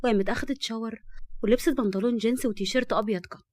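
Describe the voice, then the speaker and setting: A woman with an Egyptian accent reading a story aloud in a brisk, lively way. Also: on the high side.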